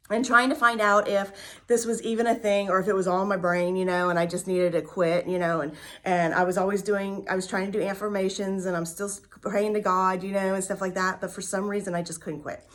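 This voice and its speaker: Her voice is medium in pitch and fairly bright, with fairly even intonation and a moderate pace. She's a vlogger in her fifties giving a casual personal testimony about her recovery. She speaks candidly and chattily, with lots of ums and repeated words.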